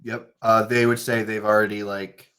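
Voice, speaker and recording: A dungeon master narrating a tabletop game, relaxed and halting with fillers. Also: medium pitch, clear, resonant tone.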